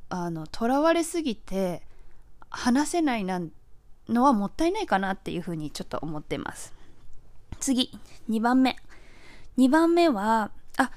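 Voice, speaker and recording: A woman from Japan in her forties talks through her points alone in a casual audio show, chatty and friendly, with plenty of filler words. Her voice sits a little high. The sound is close and dry, with no room around it. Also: darkish tone, no room sound. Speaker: podcast host. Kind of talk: casual solo audio talk.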